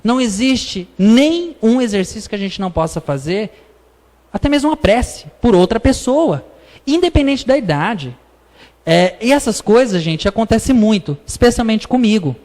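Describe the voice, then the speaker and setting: A man with a high-pitched voice gives a casual sermon-style talk, telling everyday stories and checking in with the listeners through constant tag questions. His voice rings out with a long reverb in a lecture hall. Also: very animated, moderate pace, darkish tone. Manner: chatty storytelling, frequent tag questions. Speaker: lecturer at a spiritist center. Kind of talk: public talk, informal sermon.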